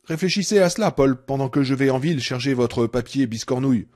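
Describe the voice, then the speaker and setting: A man's voice: medium pitch, brisk, a little mellow, close to an everyday voice. A male reader voicing a sarcastic, menacing woman nurse who holds a man captive in an audiobook. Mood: menacing rage. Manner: sarcastic, seething, sudden rage.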